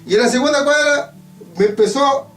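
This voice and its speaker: High-voiced Chilean preacher in an echoey hall. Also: male voice, a bit bright. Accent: Chilean Spanish. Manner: preaching with drawn-out, emphatic phrases and repeated refrains. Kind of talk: evangelical sermon testimony. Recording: echoey church hall from a distance with faint guitar. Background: faint guitar playing.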